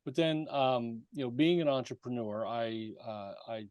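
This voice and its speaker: A man's voice: mid-range voice, moderate pace, a little mellow, smooth, no echo. A man guesting on an interview podcast, talking about his writing work in an easygoing, joking way with fillers. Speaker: guest, content writer. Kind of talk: casual interview chat.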